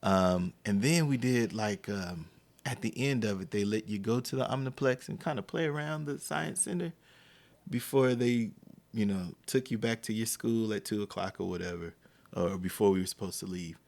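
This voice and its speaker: A man's voice: lowish voice, normal speed, gravelly. A man hosting a podcast, telling a personal story and acting out the quotes. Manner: animated, acts out quotes. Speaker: podcast host.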